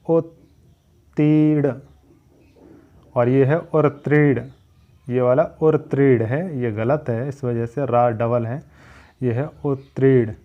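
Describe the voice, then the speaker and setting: A man's voice: mid-range voice, phone-quality sound. A man teaching a spelling lesson, drilling each word by repeating its wrong and right forms.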